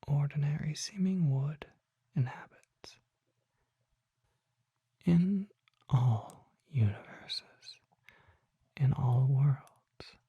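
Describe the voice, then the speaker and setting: An ASMR performer plays a mysterious vampire apothecary, whispering in a husky, breathy, warm mid-range voice with a crackle of vocal fry, fully in character. This learned figure delivers a slow, formal roleplay monologue with measured pauses, recorded very close and dry on a close mic with no room sound.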